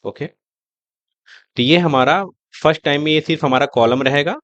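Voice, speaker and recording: A man teaching a screen-recorded coding lesson, talking step by step in a relaxed, conversational way as he types and shows results. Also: on the high side, normal speed, dry recording, lo-fi sound. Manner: conversational, explaining step by step while typing. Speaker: coding tutor.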